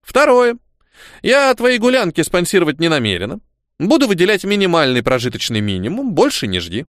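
A man's voice: sits high, wildly swooping pitch, fairly quick, fairly bright tone, dry recording, clean studio sound, voice pushed up, exaggerated voice. A man voicing a stern old grandmother who scolds her grandson in curt commands. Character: stern old grandmother, a retired chief surgeon.

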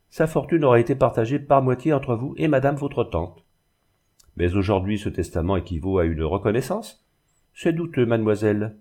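A man voicing a fussy, pompous older male notary in an audiobook, speaking in a raised, indignant pitch. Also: darkish tone.

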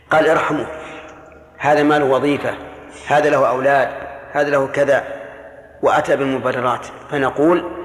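Scholar lecturing in echoing hall. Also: male voice, a little high. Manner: measured explaining, takes student questions. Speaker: Islamic scholar teaching a class. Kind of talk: classroom lecture on jurisprudence. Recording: roomy hall with long reverb.

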